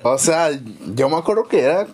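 A man's voice: fairly high pitch, a little fast, crowd noise. Slangy young Mexican man telling stories. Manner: slangy, animated storyteller who swears a lot. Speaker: podcast co-host. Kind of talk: casual chat.

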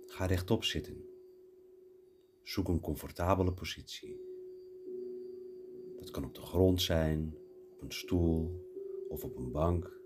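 A man guiding a mindfulness meditation, giving calm, unhurried breathing instructions with long pauses. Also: sits low, noisy background. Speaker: meditation guide.

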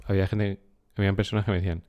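A man hosts a podcast and talks through a book in a calm, unhurried way, like a trainer. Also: low-pitched, no room sound, dull audio. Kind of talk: casual podcast monologue on a book.

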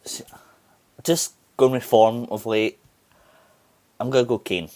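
A man on a football podcast, animated and making bold predictions. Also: medium pitch, slow pace. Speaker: podcast panelist. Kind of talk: casual football chat.

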